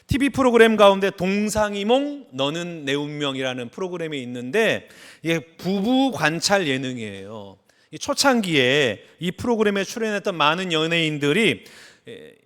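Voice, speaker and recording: A middle-aged male pastor preaching with a high voice. His pitch leaps up and down all the time, and he acts out the voices of the people he quotes. It is a lively, expressive sermon delivery. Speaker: senior pastor.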